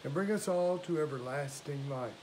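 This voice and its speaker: Solemn older male priest, fairly high voice. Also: darkish tone, rough recording. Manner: solemn, measured, formal delivery. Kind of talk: liturgical prayer and scripture reading. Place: small domestic room indoors. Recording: faint background hiss, home recording.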